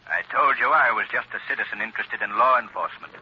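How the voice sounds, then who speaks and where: An actor playing a mysterious, sinister vigilante in an old radio drama, speaking in an ominous, deliberate, theatrical manner. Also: male voice, lowish voice, a little hiss or hum, close to an everyday voice. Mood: cool, enigmatic. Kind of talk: 1930s-40s radio drama acting. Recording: muffled old radio recording with music.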